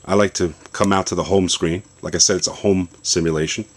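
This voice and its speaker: Deep-voiced male tech vlogger, easygoing explainer, talking through a gadget demo at home. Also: brisk. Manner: relaxed, explanatory, loosely rambling. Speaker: tech vlogger demonstrating a phone setup. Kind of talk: casual product demo. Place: home basement.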